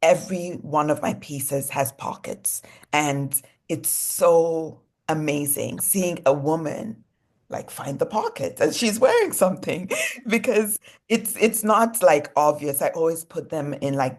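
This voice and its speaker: A low-pitched young woman from Congo chats easily as a guest in an interview. She speaks in loose, relaxed sentences, leaning on "you know" and "like" as she explains her work. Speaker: fashion designer guest. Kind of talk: casual interview chat.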